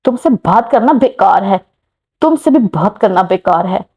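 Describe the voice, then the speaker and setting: A woman voicing a feisty, sharp-tongued young woman in a romance story. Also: medium pitch, expressive, moderate pace. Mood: snappy. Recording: muffled lo-fi recording.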